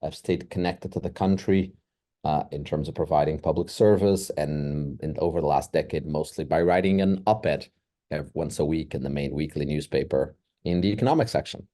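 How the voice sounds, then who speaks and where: A middle-aged man from Portugal, an economics professor, explaining in a measured, lecturing way with rhetorical questions. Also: rumbling low, warm tone.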